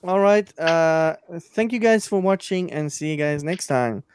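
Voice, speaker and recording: A man hosting a casual online stream chat, talking in halting sentences full of fillers and restarts. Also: a little high, smooth, dry recording. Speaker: podcast host.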